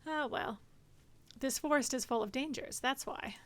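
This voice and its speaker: A woman's voice: high voice, moderate pace. A woman doing casual gameplay commentary as a streamer, chatty and joking, talking back to the characters. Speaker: game streamer.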